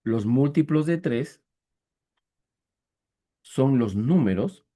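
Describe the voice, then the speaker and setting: Man, teacher, online math lesson, mellow voice, patient, slow step-by-step, checks understanding often, video call. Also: mid-range voice, animated. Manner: slow, deliberate step-by-step counting.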